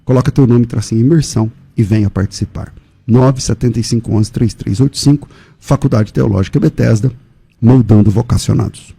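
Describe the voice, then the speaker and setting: Gravelly, husky Brazilian pastor. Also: male voice, mid-range voice, a little fast, mellow. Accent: Brazilian Portuguese. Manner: chatty, self-correcting, direct address to listeners. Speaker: pastor and theology teacher. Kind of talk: radio sales pitch for a course. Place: radio studio.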